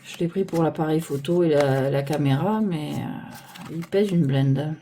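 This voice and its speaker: A woman's voice: low voice, measured pace, warm tone, a little hiss or hum. A woman casually presenting tarot decks, rambling and stopping aloud to search for names, filmed on a phone held by a holder arm. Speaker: tarot deck reviewer.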